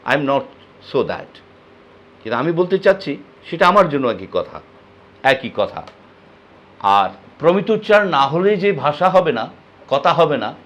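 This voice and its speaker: A man giving a spoken music lesson, explaining pronunciation slowly and demonstrating words and short sung phrases. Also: mid-range voice, a bit bright, muffled recording. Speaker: music teacher.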